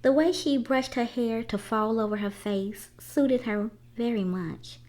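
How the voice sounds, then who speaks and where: Reading a children's picture book in an expressive, storytelling manner, a woman whose voice is on the high side leaves deliberate pauses between phrases.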